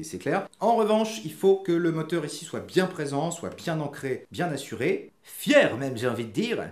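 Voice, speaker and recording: A man teaching a guitar tutorial, patiently explaining and chanting strum patterns aloud as he plays. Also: a little high. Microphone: mic near the guitar. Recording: roomy room with his guitar playing.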